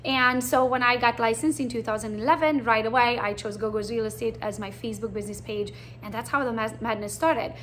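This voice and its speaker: A slightly fast talker with few pauses and a voice on the high side, she is a Romanian-born woman in her forties from Transylvania with a Hungarian accent. She shares blunt, chatty, animated stories of her realtor career for a recruiting presentation, over a little hiss or hum.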